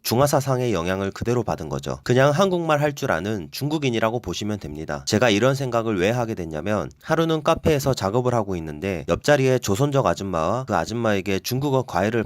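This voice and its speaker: A man host reading a scripted opinion narration, explaining his views in a steady commentary. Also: on the low side, dry recording, clean studio sound. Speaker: channel host.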